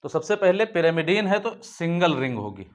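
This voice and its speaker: In a whiteboard lecture for schoolchildren, a man with a slightly high, very animated voice teaches biology at a moderate pace. He turns key points into questions he answers himself and affectionately addresses the students as "beta" throughout.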